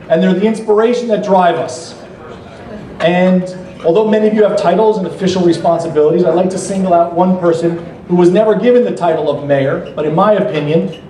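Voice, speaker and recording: A middle-aged American man makes the formal opening remarks introducing a political gala's keynote, measured and earnest and occasionally joking lightly. His voice sits high and sounds mellow. He speaks at a podium on a banquet hall stage, and because the podium microphone is filmed from across the room, the audio is echoey and far off.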